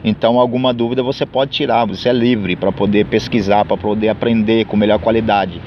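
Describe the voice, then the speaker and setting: A man's voice: steady tone, brisk. Brazilian man teaching English numbers. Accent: Brazilian Portuguese. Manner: repeats numbers in Portuguese and English, many fillers. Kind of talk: informal spoken English lesson. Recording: dull low-fidelity audio with faint street noise.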